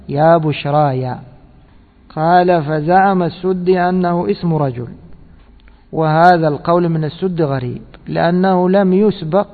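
Male religious teacher, slightly high voice, reads and explains line by line, recorded on a thin tinny line in a reverberant hall. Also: gravelly. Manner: reads a text aloud and explains it, quizzing listeners with rhetorical questions. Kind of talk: scripture commentary lesson.

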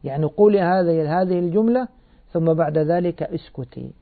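Slightly high-voiced teacher on a tinny line. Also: male voice, a little fast. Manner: explains step by step, asks and answers his own questions. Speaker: Quran teacher. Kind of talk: grammar and Quran commentary lesson. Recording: tinny phone-like sound.

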